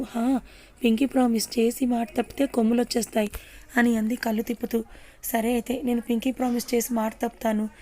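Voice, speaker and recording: Female storyteller, mellow tone, fairly even delivery, soft expressive dialogue. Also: fairly high pitch. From Telugu-speaking India. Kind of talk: audio story narration.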